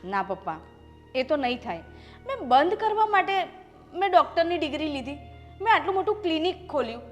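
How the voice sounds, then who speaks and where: A woman playing a defiant, high-voiced young daughter. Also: sing-song, a little fast. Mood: upset. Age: young adult. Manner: upset, pleading and defiant. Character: proud, unhappy young married daughter. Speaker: doctor. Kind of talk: short-film family drama acting. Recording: long reverb with background music.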